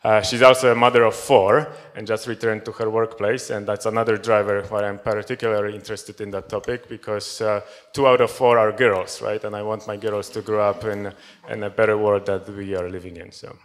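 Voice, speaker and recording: A man in his thirties speaks on a conference panel in a low, even voice with little pitch movement. He talks into a handheld microphone and often hesitates and restarts. His tone stays level and matter-of-fact. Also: fairly quick, few pauses. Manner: hesitant, many fillers and restarts. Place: conference hall with audience.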